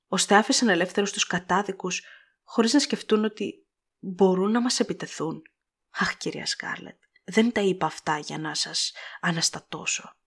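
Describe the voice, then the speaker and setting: Woman reading as a fussy earnest middle-aged guy, explains stuff, bit reproachful, husky low voice.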